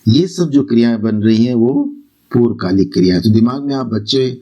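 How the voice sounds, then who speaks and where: A man teaching a grammar lesson, explaining slowly, repeating key terms and asking his students questions. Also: mid-range voice, lively intonation, mellow, highs cut off.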